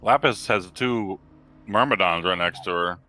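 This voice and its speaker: A man acting as game master for an online tabletop game, brisk and practical as he keeps track of the board and rules. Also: low-pitched, a crowd in the background.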